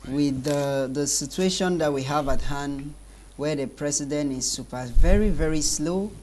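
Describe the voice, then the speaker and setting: A man's voice: fairly high pitch, moderate pace, a little mellow. Insistent man debating on a panel. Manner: insistent, interrupting.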